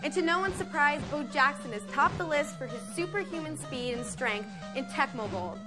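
A young woman in her twenties, with a high, animated voice at a moderate pace, hosts a sports news show from a television studio set. Reading a script into a lapel mic with music in the background, she adds sarcastic, mocking asides.

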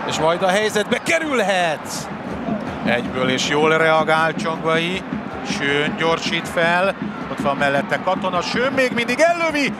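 Excited high-pitched male football commentator. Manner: excited, rising to shouts on chances. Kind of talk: live television sports commentary. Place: live match broadcast, stadium crowd behind. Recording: loud stadium crowd noise throughout.

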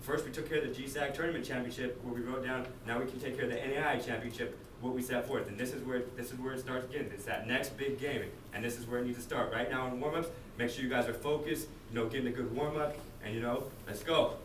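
A young man with a medium-pitched voice speaks quickly to his teammates. His impromptu pep talk is earnest and rambling, full of fillers. It is recorded at a distance in an echoey room. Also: steady tone. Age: early 20s. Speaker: college basketball player. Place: small team locker room. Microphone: handheld camera a few steps away. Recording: echoey distant camera mic, noisy.

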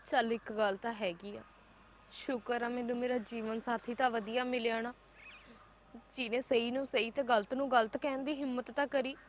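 Patient Punjabi bride, high soft voice, faint noise in the background, played by a woman. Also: steady tone, moderate pace, lightly acted. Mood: gentle. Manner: pleading, reasonable. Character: patient young wife married without dowry. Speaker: daughter-in-law. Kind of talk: acted family drama.

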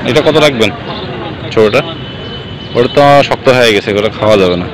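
A travel vlogger with a Bangladeshi accent talks fast in a lowish voice from behind his handheld camera, chatting and haggling as a customer at roadside stalls near a beach. Loud street and traffic noise fills the outdoor recording.

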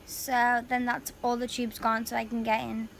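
A woman's voice: fairly high pitch, completely flat delivery, moderate pace, gravelly, fairly bright tone. A young woman, weak after surgery, speaking casually as a patient keeping a video diary from her hospital room. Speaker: patient vlogger recovering from surgery. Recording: noisy hospital room recording.

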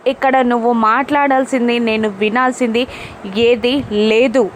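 A woman voicing an angry young man who scolds and shouts at the woman he left. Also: a little high, fairly even intonation, moderate pace, slight background noise, natural voice. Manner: harsh, scolding, shouted lines.

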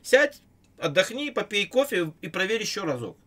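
A man hosting a stream, chatting casually and telling jokey stories while calming down his conversation partner. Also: sits high, normal speed, a loud crowd. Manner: joking, storytelling, calms his partner down. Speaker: stream host. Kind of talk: casual chat. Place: lives in Canada.

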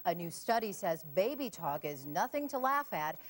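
A woman news reporter narrating a report and interviewing a mother, with a clear broadcast delivery. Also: on the low side, very animated, normal speed.

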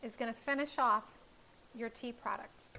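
Woman in her thirties, cooking show host, bright tone, slightly high voice, step-by-step kitchen demo, lapel mic. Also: steady tone, normal speed, a little hiss or hum. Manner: friendly instructional, step by step. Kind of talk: cooking demonstration. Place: home kitchen, indoors.

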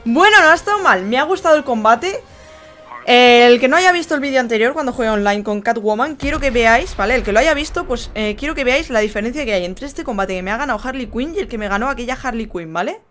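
A woman from Spain with a high voice gives casual gameplay commentary over music. She is a raging, excitable gamer, exclaiming and grumbling in slangy, sweary bursts. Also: fast. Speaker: gaming video host.

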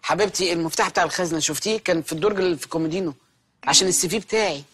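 A fast-talking henpecked husband. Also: male voice, high-pitched, a bit bright, slightly rough. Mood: meek. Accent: Egyptian Arabic. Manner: placating, sheepish, quick joking. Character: jobless henpecked husband, meek and joking. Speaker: sketch comedy actor. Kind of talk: TV comedy sketch acting.

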